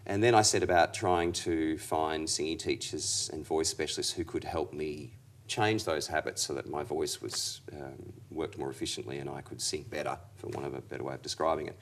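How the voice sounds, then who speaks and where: A man, a vocal coach, talking through his story in a relaxed interview, thoughtful and rambling with restarts. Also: very deep voice, normal speed, a little hiss or hum. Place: acting studio.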